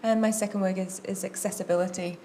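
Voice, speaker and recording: A woman's voice: mid-range voice, steady tone, fast talker, dark tone, a little hiss or hum. A woman academic speaking sincerely on a panel. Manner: sincere, reflective. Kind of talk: panel answer.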